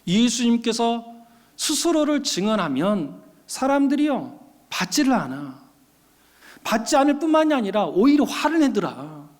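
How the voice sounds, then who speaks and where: A man's voice: very high voice, big pitch swings, unhurried. A male pastor preaching a sermon, speaking with animation and asking the congregation rhetorical questions. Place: church sanctuary. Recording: long hall reverb.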